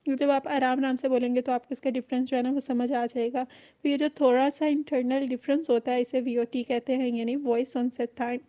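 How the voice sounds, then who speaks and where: A woman's voice: high-pitched, little pitch movement, brisk, warm tone. A woman lecturing on a recorded online course, explaining terms patiently and repeating key phrases.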